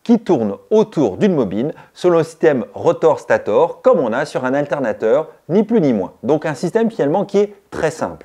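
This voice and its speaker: A man's voice: on the high side, dark tone. A man hosting a cycling channel, giving a chatty gear review and explaining step by step to his viewers.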